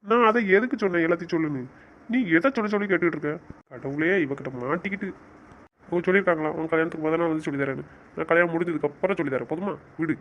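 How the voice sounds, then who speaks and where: A man's voice: fairly high pitch, very fast, close to an everyday voice. A man voicing a patient but exasperated young man coaxing his fiancée. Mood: reasoning. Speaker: voice actor. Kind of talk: audio drama acting. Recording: dull lo-fi sound with faint noise.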